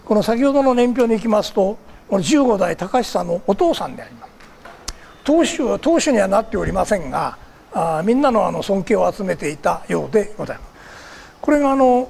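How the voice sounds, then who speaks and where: A man's voice: sits high, creaky, darkish tone, a little hiss or hum. An older man from Kagoshima giving a formal public lecture, polite and digressive, with many fillers between phrases. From Kagoshima, Japan.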